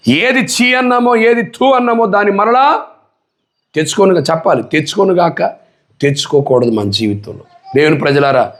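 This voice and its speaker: A male pastor preaching a sermon, emphatic and full of rhetorical questions put to the congregation. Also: a little high.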